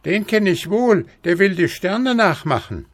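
A man voicing a demanding little boy who shouts for more in a shrill, insistent voice. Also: very animated, measured pace, full character voice. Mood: eager.

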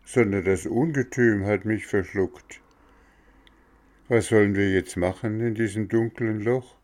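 A man's voice: on the low side, fairly even intonation, a little slow, darkish tone, voice pushed up, natural voice. A man voicing a frightened, wailing wooden puppet boy in a raised voice. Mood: fearful. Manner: wailing, fearful.

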